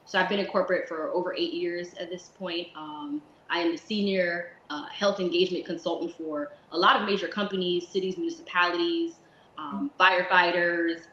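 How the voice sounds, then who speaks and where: A woman in her thirties from South Florida, chatting as an interview guest in a lively way, laughing often and restarting her sentences. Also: lowish voice, normal speed, slight background noise. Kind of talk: casual interview chat. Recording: echoey lo-fi room.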